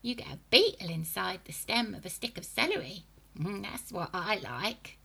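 A woman voicing a nasty old grandmother, a menacing witchlike hag with a high, creaky, whispery and throaty voice, who talks slowly and gloats over every word. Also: lively intonation, pushed and bright, exaggerated voice. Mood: gloating. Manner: slow, gloating, relishing each word.

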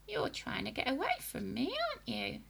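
A woman voicing a nasty old grandmother, a menacing witchlike hag with a high, creaky, whispery and throaty voice, who talks slowly and gloats over every word. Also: huge pitch swings, a bit bright, exaggerated voice. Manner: slow, gloating, relishing each word.

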